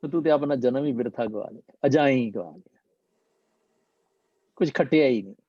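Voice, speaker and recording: A man teaching and explaining scripture in a slow, deliberate manner, slipping English phrases into his talk. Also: medium pitch, mellow, husky, no echo, dull audio. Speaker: Gurbani teacher.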